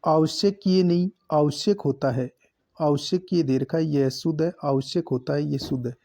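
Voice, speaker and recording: A man teaching a spelling lesson for exam prep, slowly repeating each word and marking it correct. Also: a little high, warm tone.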